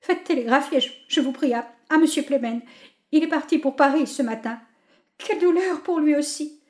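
A woman doing a young wife in a storybook, overcome with grief. Her voice climbs high and loud and keeps cracking with distress. Every line sounds close to tears. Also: moderate pace, natural voice. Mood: grieving. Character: young grieving wife, frantic and tearful.

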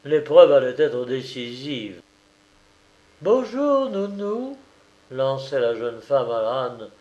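A man narrating a novel aloud in a measured, expressive reading style. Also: mid-range voice, dull audio.

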